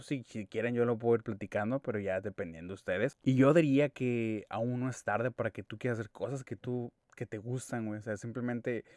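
A man's voice: lowish voice, a little mellow, no echo, clean studio sound. A young man with a Mexican accent rambling casually in a monologue, slangy and full of swearing. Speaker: podcast host.

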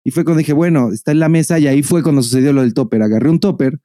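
A podcast co-host with a Mexican Spanish accent tells a story in casual, animated chat packed with swearing and laughter. His voice is on the high side and very fast, recorded at studio quality with no room sound.

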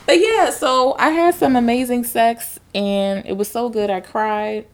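A woman's voice: a little high, a little slow. A woman co-hosting a podcast, talking casually and candidly with a playful, dramatic manner. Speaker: podcast co-host. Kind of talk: casual intimate chat.

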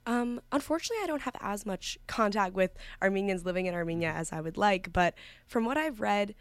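A woman's voice: mid-range voice, animated, brisk, no room sound. A young woman from New York, a student guest talking earnestly in a casual interview, with many fillers and restarts. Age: young adult.

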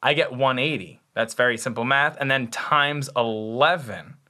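Young male podcast co-host, bright tone, rambling and playful. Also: mid-range voice, moderate pace. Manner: rambling, self-correcting, playful. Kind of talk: casual chat.

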